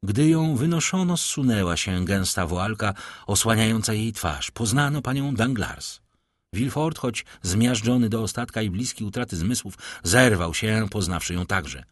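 A man narrating an audiobook in a measured, dramatic storytelling manner. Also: lowish voice, lively intonation, dry recording, studio quality.

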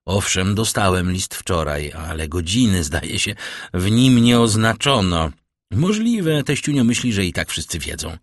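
A man reading an audiobook, voicing a greedy, excited young social climber who brags a lot. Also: low voice, a little slow, no echo, clean studio sound, exaggerated voice. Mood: eager. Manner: bright, excited, boastful.

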